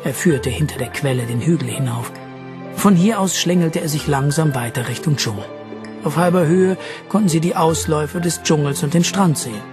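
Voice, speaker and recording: A man reading a story aloud as audiobook narrator in an expressive, steady manner. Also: a little high, fairly quick, music in the background. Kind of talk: scripted narration.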